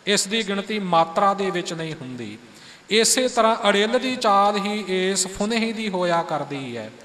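High-voiced man teaching scripture recitation. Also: big-room sound. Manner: explains calmly, then sings lines slowly to model pronunciation.

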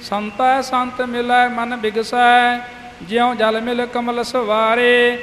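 High-voiced man chanting scripture slowly. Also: echoey room, long reverb tail, a little hiss or hum. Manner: slow steady chant. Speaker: scripture reciter.

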